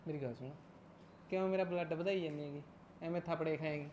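A short-tempered, grumbling husband, played by a woman, with a fairly high voice. He talks quickly and keeps nagging and scolding. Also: fairly bright tone, muffled recording, close to an everyday voice.

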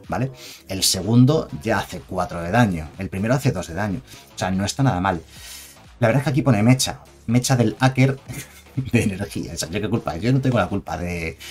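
A man with a Spain Spanish accent giving chatty, digressive live-stream commentary on game cards and reading chat aloud. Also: deep voice.

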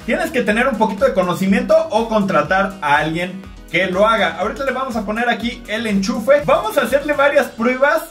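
In his thirties and speaking with a Mexican Spanish accent, this man tests a product on camera in his home bathroom and shower, joking and excitable as he talks straight to viewers. His voice is very high-pitched and brisk. The indoor recording sounds roomy and distant, with faint music behind him.

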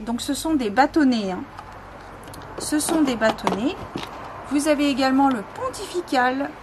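A woman showing items she sells in a casual video, speaking slowly with many fillers and self-corrections. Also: high-pitched. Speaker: spiritual seller showing items for sale. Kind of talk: casual product show-and-tell. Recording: noisy home recording.

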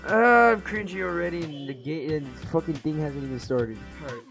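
A young man wearing an over-ear headset in a small room at home rambles through his old gaming videos, self-mocking and swearing freely. He talks fairly quickly in a fairly high, slightly bright voice, with soft music playing in the background.

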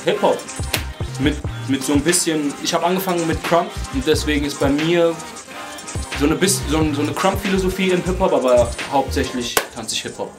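A 21-year-old man and hip hop dancer, talking casually about his dancing in a relaxed, searching way with many fillers and restarts. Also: on the high side, a little fast. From Germany. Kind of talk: casual interview talk. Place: indoors beside a wooden wall. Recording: music playing under the voice.

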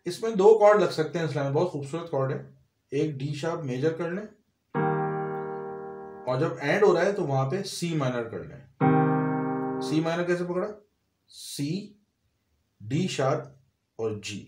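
A man's voice: fairly high pitch, lively intonation, measured pace, pauses often, reverberant. A man giving a piano and vocal lesson, explaining notes step by step and singing short phrases between his explanations. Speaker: music teacher. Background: piano playing.

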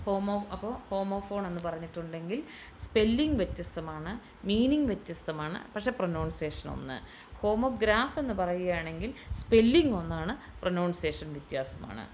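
A woman's voice: on the low side, darkish tone, slight background noise, low-quality recording. A woman instructor teaching a class in a Malayali English accent, repeating words and spelling them out letter by letter. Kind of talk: classroom lesson explaining English pronunciation. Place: training institute classroom.

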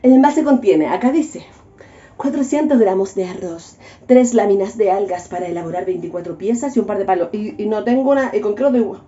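A young adult woman with a Chilean accent chats casually while cooking in her home kitchen for a vlog, ranting in a joking, exasperated way and laughing often. Her medium-pitched voice is animated and dark-toned, and she talks fast with few pauses. The room sounds echoey and dull.

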